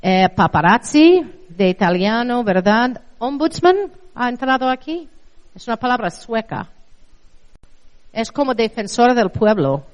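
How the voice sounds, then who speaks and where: A woman's voice: on the high side, sing-song, unhurried, highs cut off. A middle-aged woman from Spain with a Spanish accent, giving a conversational university lecture on translation and often checking in with her audience. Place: lecture hall. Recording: reverberant hall.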